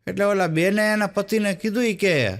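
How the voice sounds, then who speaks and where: A stand-up comedian who tells folk stories and acts out the people in them, throwing quick asides to the audience. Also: male voice, high voice. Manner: storytelling in quoted voices, with the audience laughing along; tosses quick asides to the crowd. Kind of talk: Gujarati folk comedy storytelling on stage.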